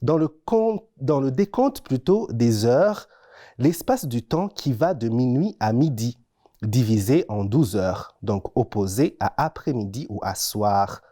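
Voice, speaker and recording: In a slow, mellow, mid-range voice with lively intonation, the presenter of an educational French-language TV segment narrates a scripted lesson. The delivery is didactic and explanatory, with key words emphasized.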